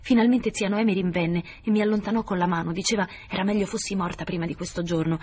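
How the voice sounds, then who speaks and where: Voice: mid-range voice, fairly even intonation, fast talker, darkish tone, breathy edge, natural voice. Reader doing a young guy at his wits end, pleading, half whispered, audiobook style. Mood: distressed. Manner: emotional, pleading, sometimes whispered. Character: young man, anguished and impulsive nephew. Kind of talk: audiobook character voice.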